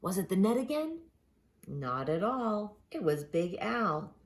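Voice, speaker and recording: Reading from a children's picture book, this storyteller uses a sing-song, medium-pitched voice. She performs it expressively, pausing dramatically and drawing out words to emphasize them.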